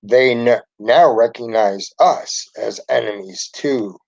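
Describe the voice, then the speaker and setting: A man voicing a calm, upbeat, eccentric schoolteacher in a storybook reading. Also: mid-range voice, slow, creaky, no echo, lo-fi sound. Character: zany calm schoolteacher woman.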